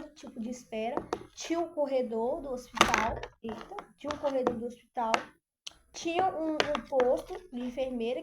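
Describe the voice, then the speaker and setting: A young woman from Brazil recounts a personal story with a slightly high, bright-toned voice. She talks in an animated, conversational way, calling out to her viewers and circling back with fillers and restarts. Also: background noise. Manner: animated, addresses viewers as "gente", many fillers. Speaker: vlogger.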